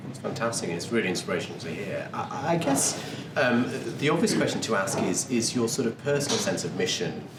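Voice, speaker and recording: A man's voice: on the low side, very animated, a little fast, few pauses. A man hosting an interview, asking polite, elaborate questions full of hedges. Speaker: interview host. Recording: distant echoey mic with noise.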